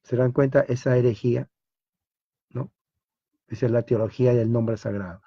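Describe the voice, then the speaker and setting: A man's voice: mid-range voice, steady tone, normal speed, breathy edge, no room sound. A man teaching a theology lecture as a Bible teacher, emphatic and full of rhetorical questions, on a dull lo-fi recording.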